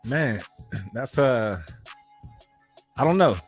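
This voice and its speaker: A man co-hosting a fantasy football podcast, talking laid-back and halting in casual chat. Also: mid-range voice, lively intonation, faint music behind. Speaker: podcast co-host.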